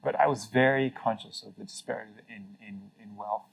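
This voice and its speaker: Gravelly and husky, this man's voice sits on the low side and runs a little fast over poor audio. A middle-aged man from Mexico who used to be a carbon registry CEO, he answers a casual interview earnestly and reflectively, frequently restarting and using fillers.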